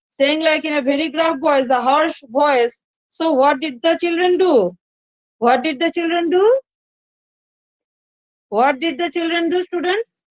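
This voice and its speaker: A woman's voice: high-pitched, dry recording, low-quality recording. A woman teacher with an Indian English accent, explaining a story line by line to her students and repeating each point. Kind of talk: online class explaining a story.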